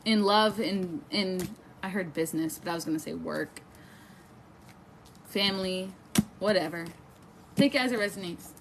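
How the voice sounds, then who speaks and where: A woman's voice: lowish voice, moderate pace, pauses often, very noisy. A woman in her twenties giving a casual, chatty tarot reading on a live stream, swearing freely and talking to her viewers. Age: 20s. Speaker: tarot reader.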